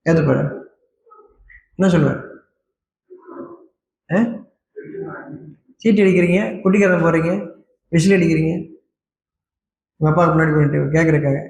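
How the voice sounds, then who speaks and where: A man preaching a sermon, scolding his listeners with a steady stream of rhetorical questions. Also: fairly high pitch, moderate pace, vocal fry, pauses often, echoey room, slight background noise.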